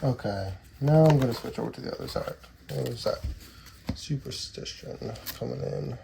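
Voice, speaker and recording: Card shuffling and clicks fill the background as a collector in his thirties opens booster boxes and comments casually, reading off card names amid rambling asides. His gravelly, medium-pitched voice moves at a normal speed and sounds stuffy and nasal because he has a cold.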